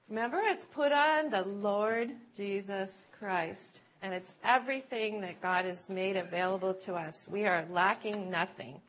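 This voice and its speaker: A middle-aged woman giving informal Bible teaching to a group, chatty and laughing often, checking in with "right?". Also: medium pitch.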